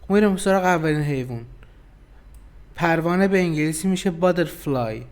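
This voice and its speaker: A young adult man teaching English words in a casual beginner lesson, sounding out each word slowly and deliberately with small hesitations. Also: sits high, clean tone.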